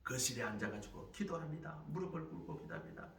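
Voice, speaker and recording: A male pastor preaching a sermon and telling a story with animated, dramatic delivery, in a church sanctuary on a distant mic. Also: on the high side, fast, a little hiss or hum. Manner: animated storyteller, acting out the scenes. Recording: roomy hall from a distance.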